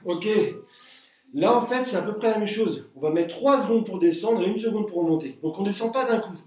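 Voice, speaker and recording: A man teaching a relaxed live workout class at home, counting reps aloud and joking with viewers. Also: high voice, a little fast. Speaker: Krav Maga instructor. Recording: echoey room, from far off.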